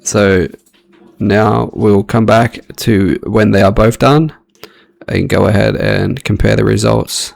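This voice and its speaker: A man's voice: lowish voice, steady tone, slow. A young man hosting a channel, casually talking through a screen-recorded game test and thinking aloud as he plays. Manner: laid-back, thinking aloud while playing. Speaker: channel host testing AI models. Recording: home recording with clear background noise.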